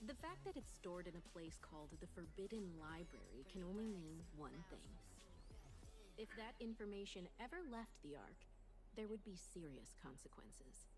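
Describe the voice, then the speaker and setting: A woman's voice: on the low side, sing-song, moderate pace. An actress voicing a cheerful, persistent young female inspector who talks in a breezy, playful and teasing way. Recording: game audio with music behind.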